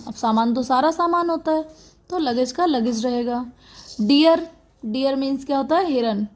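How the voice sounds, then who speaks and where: Woman, grammar teacher, high voice, slow deliberate delivery, checks in often. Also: a little mellow. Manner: explains patiently, repeating words and checking with "okay" and "theek". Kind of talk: classroom grammar lesson.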